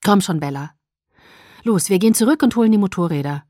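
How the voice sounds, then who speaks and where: A woman's voice: medium pitch, quick pace, dry recording, studio quality, natural voice. Woman voicing an eager teenage boy. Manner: excited, playful.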